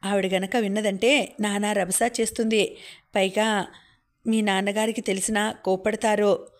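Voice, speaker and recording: An anxious, middle-aged village mother from an audiobook story, voiced by a woman reader. She scolds in a hushed, fearful way, and her pitch stays flat and even. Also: moderate pace, natural voice.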